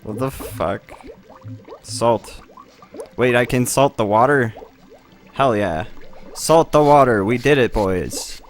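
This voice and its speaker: A man's voice: medium pitch, takes it slowly, long pauses. A man giving laid-back, joking gameplay commentary and swearing freely as the host of a let's play.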